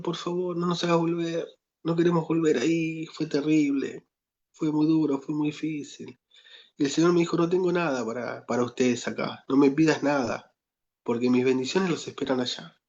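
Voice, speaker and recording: A man's voice: mid-range voice, darkish tone, dull audio. A man with an Argentine accent, a pastor telling a personal testimony in a sermon, chatty and full of fillers. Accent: Argentine Spanish. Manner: conversational storytelling, many fillers.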